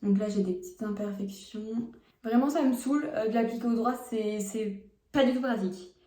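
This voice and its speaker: A young woman films a casual makeup test vlog on her phone at home, applying products while chatting frankly with her viewers. This beauty vlogger's voice is on the high side and dark in tone, moderately paced, with a roomy sound.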